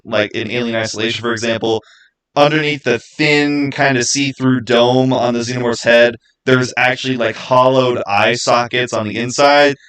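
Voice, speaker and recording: Over poor audio, a man with a mid-range, slightly bright voice chats informally with his livestream viewers. This YouTube creator and host works from a small indoor home studio, wandering off on tangents and repeating words to drive points home.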